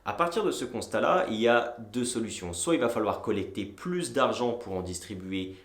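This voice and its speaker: French-speaking young man, low voice, echoey. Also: animated, moderate pace. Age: 20s. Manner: direct, speaks to viewer as "tu", frequent hesitations. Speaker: entrepreneur and video host. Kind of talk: casual explainer to camera. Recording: echoey room.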